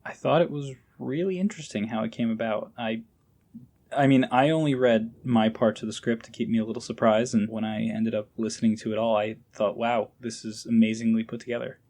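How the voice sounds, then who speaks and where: This man, an amateur voice actor appearing as a podcast guest, keeps the interview chat casual and informal, eager yet slightly hesitant. He speaks fairly quickly in a mid-range, somewhat mellow voice with fairly even intonation.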